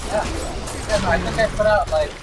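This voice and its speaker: A man co-hosting a gaming stream, tossing in quick jokey replies and the odd curse while he plays. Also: high voice. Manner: quick short replies, jokey, swears mid-play. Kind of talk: casual chat while playing a video game. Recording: distant mic with clear background noise.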